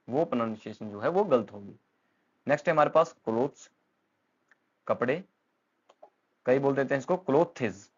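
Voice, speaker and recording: This lo-fi clip features a mid-range male voice with an Indian accent giving a pronunciation lesson for English. He explains in Hindi blended with English, patiently going over words again and leaning on frequent fillers.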